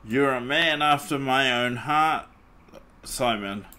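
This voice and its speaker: A man's voice: medium pitch, slow, sharp tone. A man hosting a podcast in casual chat, rambling with lots of fillers and restarts. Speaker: podcast host. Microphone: desktop mic on a voice call.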